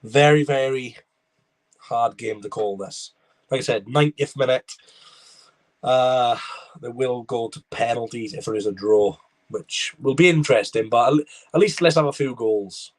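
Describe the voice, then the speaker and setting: A young man from Wales streams live football commentary at a measured pace, keeping it relaxed and loose. He wanders between what's happening on the pitch and his chat, reading out viewer messages as he rambles along.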